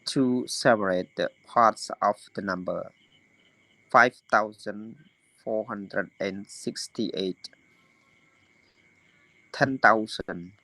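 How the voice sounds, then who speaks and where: Guy reading his lesson aloud on a video call, super slow, fixes his slips. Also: lowish voice, pushed and bright, no echo, rough recording. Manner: slow careful reading with self-corrections. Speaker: student.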